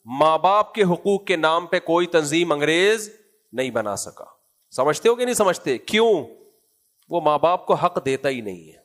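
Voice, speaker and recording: A man's voice: fairly high pitch, expressive, a bit bright. A man with a Pakistani Urdu accent giving a Quran commentary lecture, asking rhetorical questions and answering them himself. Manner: acts out casual scolding in asides. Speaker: preacher.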